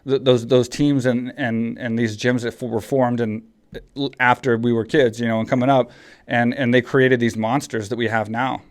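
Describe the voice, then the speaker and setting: A Texas podcast host in his forties chats casually, rambling and frequently restarting with fillers. His mid-range voice has little pitch movement and moves at a moderate pace.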